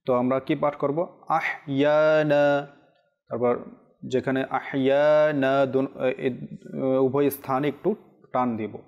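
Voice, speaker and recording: A man teaching correct pronunciation on a televised religious lesson, explaining slowly and chanting Arabic examples. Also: mid-range voice, fairly even intonation, lo-fi sound. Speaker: Quran recitation teacher.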